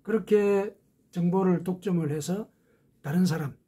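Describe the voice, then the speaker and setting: A man's voice: sits high, moderate pace, dark tone, slightly rough. A man preaching a sermon as a pastor, explaining step by step with rhetorical questions.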